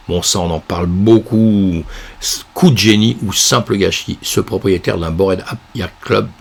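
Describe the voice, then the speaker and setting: A man with a cold, sounding hoarse and congested with a low-sitting voice, comments casually on crypto news. He rambles chattily with plenty of fillers and restarts, speaking to viewers as if they were friends.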